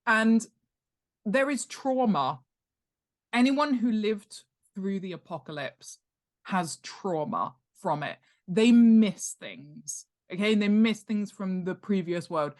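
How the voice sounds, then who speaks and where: Speaking slowly at a medium pitch, a middle-aged woman gives informal explanatory interview talk as an expert guest on world-building and an author. She's animated and stresses her points, often checking in with "right?" and "okay?".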